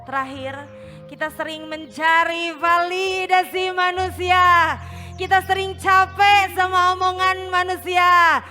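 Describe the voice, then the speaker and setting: A woman leads a congregation in an emotional guided prayer, her high, bright voice rising into loud pleading and sinking to soft coaxing. She draws every phrase out slowly. Soft music plays faintly under her words. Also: flat delivery. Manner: tearful pleading, swelling loud then hushed, slow and drawn out. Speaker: religious teacher leading guided prayer.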